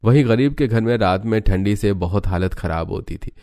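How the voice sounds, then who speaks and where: Male narrator, low voice, dry close sound, steady storytelling. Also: normal speed, no room sound.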